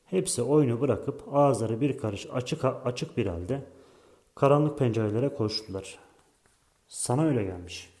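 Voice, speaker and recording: A man calmly reading a story aloud as its narrator. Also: medium pitch, unhurried.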